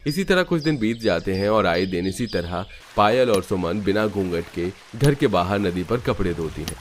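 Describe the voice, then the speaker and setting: A male narrator telling an animated family story in a steady, scripted way. His voice sits low for a man, and a faint noise runs under it.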